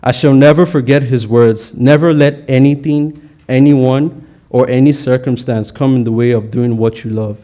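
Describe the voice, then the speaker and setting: A man's voice: mid-range voice, fairly even intonation, normal speed, warm tone. A young man giving an earnest, prepared valedictory speech at a college graduation, with occasional stumbles on words.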